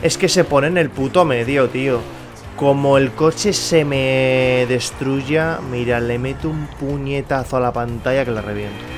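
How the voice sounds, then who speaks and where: A man's voice: mid-range voice, measured pace. A young man with a Spanish accent giving casual gameplay commentary, swearing and grumbling at the characters on screen. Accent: Spain Spanish. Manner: exasperated, swears often, talks to game characters. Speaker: gameplay streamer. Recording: faint background music and game car sounds.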